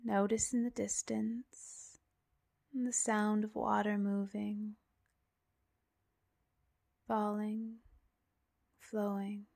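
A woman guides a soothing meditation in the manner of a sleep story narrator. Her delivery is very slow and even, with little movement in pitch. The soft, breathy voice often sinks toward a whisper and into gentle creak, with long pauses between phrases.

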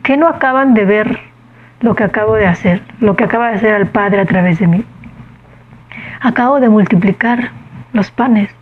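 A woman voicing a serene, patient grown man who speaks with calm authority. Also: mid-range voice, normal speed, pauses often, narrow, tinny audio, a little hiss or hum, natural voice. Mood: calm, reassuring.

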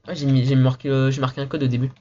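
Medium in pitch and flat in delivery, this man's dark-toned voice comes through a muffled recording with slight background noise. Despite saying he's sick and having phlegm in his throat, he rushes through casual, slangy, rambling gaming talk after an upbeat intro.

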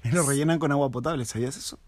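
A man's voice: medium pitch, very fast, no echo. Teasing young Chilean man. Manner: teasing, laughs a lot, interrupts. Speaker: podcast co-host. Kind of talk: casual chat.

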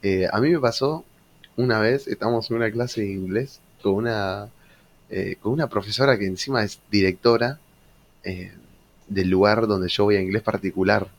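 A man's voice: fairly low pitch, normal speed, slight background noise. A man with an Argentine accent telling school stories in a casual chat as co-host, laughing often and swearing freely. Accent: Argentine Rioplatense Spanish. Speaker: podcast co-host.

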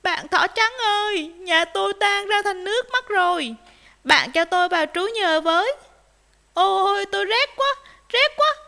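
A woman voicing a sly, bullying male fox in a children's story, shouting loud threats in a high voice. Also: lively intonation, measured pace, vocal fry, heavily acted. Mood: pleading.

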